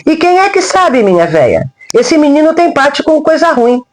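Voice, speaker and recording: Woman voices a hot-tempered rural Brazilian cook, high and scolding, lively folksy speech. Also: moderate pace. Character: fiery older enslaved woman cook, scolding.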